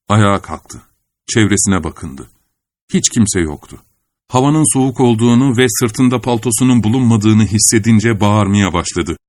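A man reading a literary story aloud in a measured, even storytelling manner. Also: lowish voice, dry recording. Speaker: narrator. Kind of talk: scripted audiobook narration.

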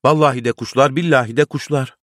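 Man doing excitable poor porter, shouting happily, raised high, very dry close sound. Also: moderate pace, no room sound, close to an everyday voice. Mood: elated shouting. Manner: shouting joyfully.

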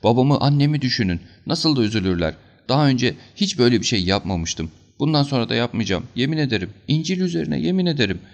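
A man's voice: on the low side, animated, a little fast, natural voice. A man voicing a panicked young male thief who begs desperately for mercy, in a storybook reading. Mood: begging. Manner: desperate, pleading, frantic.

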